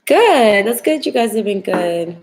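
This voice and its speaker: Smoky, creaky young woman with a cold. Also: mid-range voice, sing-song, measured pace, darkish tone, slight background noise. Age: young adult. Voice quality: smoky, husky whiskey voice. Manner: chatty, informal, addressing viewers directly. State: getting over a cold. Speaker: tarot reader hosting a livestream. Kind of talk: casual livestream chat. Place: home kitchen, indoors.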